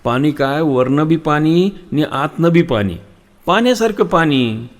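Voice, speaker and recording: A man voicing a gruff, teasing village wrestler who snaps back in a slow drawl, in a storybook reading. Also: a little high, animated, voice pushed up.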